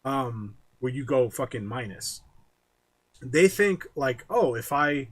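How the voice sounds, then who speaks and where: Husky man ranting on a podcast. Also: mid-range voice, slow pace. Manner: animated ranting, swears often, acts out quoted voices. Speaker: podcast co-host. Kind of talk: casual podcast rant.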